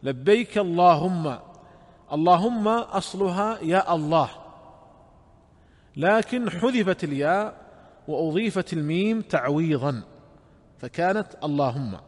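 A man delivers a religious lesson in a measured, explanatory way, circling back to repeat key phrases. His voice sits a little high for a man. The sound carries a long reverb, as in a large hall. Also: animated. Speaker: Islamic scholar.

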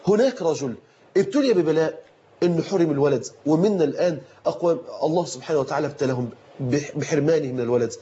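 Egyptian man preaching, fervent, emphatic, repetitive, rapid delivery, dull lo-fi sound. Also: a little high. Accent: Egyptian Arabic. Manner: fervent, emphatic, repeats phrases, rises to shouts. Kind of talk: sermon. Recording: dull lo-fi recording.

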